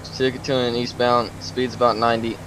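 A man's voice: medium pitch, level tone, fairly quick, noisy background. A man calling out a police pursuit in short, clipped phrases, heard over a radio. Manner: clipped radio call-outs.

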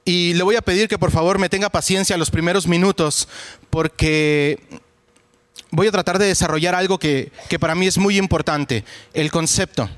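A man's voice: high voice, normal speed, a bit bright. A man, a pastor leading a Bible study in a conversational sermon style, speaking directly to his listeners.

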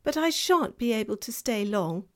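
A woman's voice: on the high side, very animated, moderate pace. Woman voicing a curious, earnest young girl. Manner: earnest and a little puzzled.

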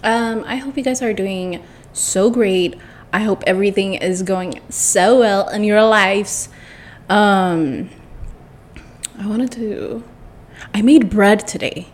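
A vlogger talks to her followers in a chatty, enthusiastic ramble, drawing out words to stress them. Her voice sits at medium pitch, congested and prone to small cracks.

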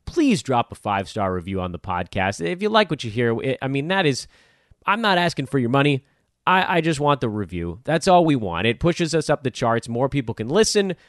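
Chatty guy hosting a podcast, kinda rambly and upbeat, really animated voice. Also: lowish voice, dry recording, clean studio sound. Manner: upbeat, rambling, self-deprecating. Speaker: podcast host. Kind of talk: casual podcast outro.

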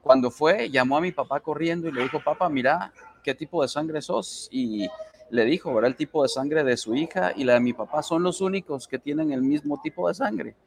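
Man, panel guest, personal testimony, halting with fillers, gravelly. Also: a little high, crowd noise. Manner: halting storyteller with many fillers.

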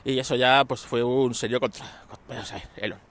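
A man's voice: medium pitch, steady tone, brisk, noisy background. A man hosting a casual podcast, talking in a joking, rambling way with many restarts, recorded outdoors on a street. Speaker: podcast host.

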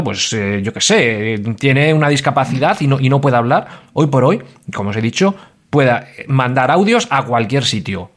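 Exasperated ranting Spanish man. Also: mid-range voice. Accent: Spain Spanish. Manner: exasperated, swearing, lively. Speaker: podcast host. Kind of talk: solo podcast rant.

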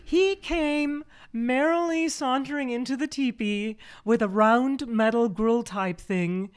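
A woman co-hosting a podcast, recalling old neighbors with lively amusement and frequent laughter. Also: fairly high pitch, slow, clean tone. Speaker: podcast co-host. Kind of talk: casual reminiscing conversation.

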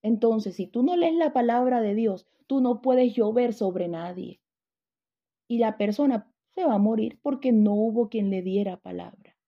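A woman's voice: a little high, unhurried, muffled recording. A woman teaching a Bible lesson, telling stories and putting questions to her class.

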